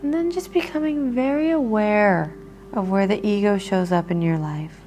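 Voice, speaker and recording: A woman leading a guided meditation in a soft, soothing way, with breathy pauses. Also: mid-range voice.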